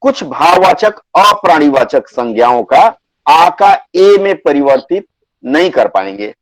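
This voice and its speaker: A man teaching a Hindi grammar class online, patiently repeating rules and dictating word lists slowly. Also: a little high, big pitch swings, dry recording, low-quality recording.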